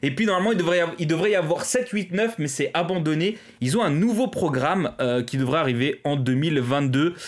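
A man's voice: on the high side, expressive, fast talker, hardly any pauses. A French man hosting a live stream, chatting casually with lots of fillers and small laughs at his own fumbles.

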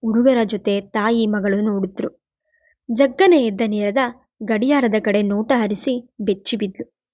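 A woman narrating a novel as an audiobook, in a steady, even storytelling manner. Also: medium pitch, unhurried, dry recording, lo-fi sound. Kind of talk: novel reading.

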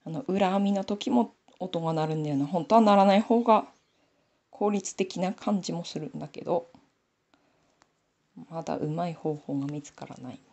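A low-voiced woman with a gravelly edge and a Nanbu Aomori accent, talking to herself as she knits. Her chat is loose and easy, a running commentary on her own work. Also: moderate pace, a little mellow, muffled recording. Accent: Nanbu dialect of Aomori. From Aomori, Japan. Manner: chatty, talking to herself while knitting. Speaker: sock knitting YouTuber. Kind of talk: casual knitting tutorial chat.

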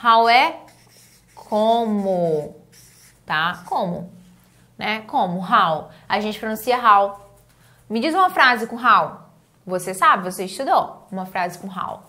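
A young adult Brazilian woman with a Brazilian Portuguese accent, teaching an online English lesson in an upbeat way, drilling words slowly. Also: medium pitch, lively intonation, sharp tone.

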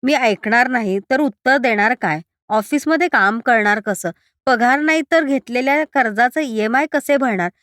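A woman's voice: a little high, normal speed, hardly any pauses, fairly bright tone, no room sound, clean studio sound, natural voice. A woman reading a story aloud, voicing a frightened young wife who has suddenly lost her hearing, pleading and distraught. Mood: despairing.

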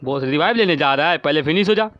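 A man giving profane, frantic commentary while playing an online shooter, constantly shouting at his teammates, recorded on a dull lo-fi mic. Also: fairly high pitch, animated, fast. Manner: swearing, yelling at teammates. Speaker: gaming streamer.

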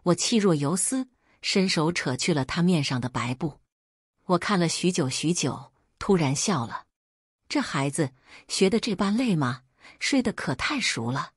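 A woman's voice: lowish voice, a little slow, breathy edge, dry recording, studio quality. A woman storyteller reading a first-person story expressively. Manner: expressive, acts out dialogue. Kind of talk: first-person scripted narration.

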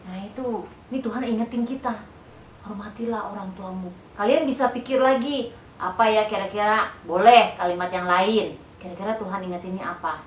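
A woman's voice: fairly high pitch, fairly bright tone, distant mic, a little hiss or hum. A woman leading a children's Sunday school lesson, patient and coaxing, often checking that the kids follow along. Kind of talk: children's lesson over video. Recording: echoey room, voice a bit off-mic.

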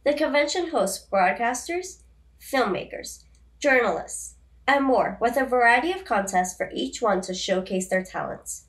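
A woman's voice: a little high, lively intonation, a little slow. A teenage girl hosting a student podcast interview, upbeat and reading from a script. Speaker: podcast host.

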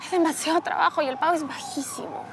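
A woman's voice: sits high, steady tone, fast talker, noisy background. An actress playing a flustered young Peruvian woman who stammers while covering up her job. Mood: fretful. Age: young adult. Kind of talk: TV sitcom acting.

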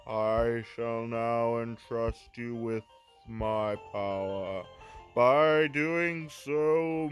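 A solemn, sorrowful male spirit, acted out by a man for a video game. He speaks very slowly and ceremonially, stretching out each phrase as if bestowing power, over game music. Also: medium pitch. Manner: slow, drawn-out, ceremonial delivery. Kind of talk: video game dialogue read aloud.

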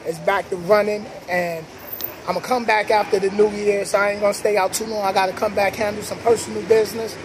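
A man's voice: high voice, level tone, fairly quick. A man in his thirties with a New York accent, from the Bronx, hosting a casual vlog in upbeat street slang, filming himself on a phone at night on a city sidewalk under an elevated train. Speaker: vlogger host. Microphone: phone camera at arm's length. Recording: loud passing train noise outdoors.

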